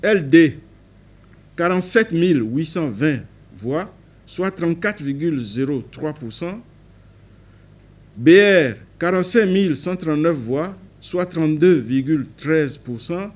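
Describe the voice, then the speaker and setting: Slightly high and expressive, this man's voice moves at an unhurried pace. He is a Beninese court official formally announcing election results, reading the numbers out, emphasizing party initials, and fixing a few figures as he goes.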